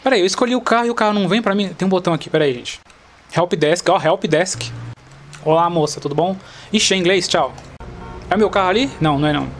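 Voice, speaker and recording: Man, Brazilian Portuguese accent, casual gameplay commentary, chatty and excitable, loud game noise in the background. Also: high-pitched, quick pace. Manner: excitable, chatty, talks to viewers. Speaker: gaming channel host. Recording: loud car and game sounds behind.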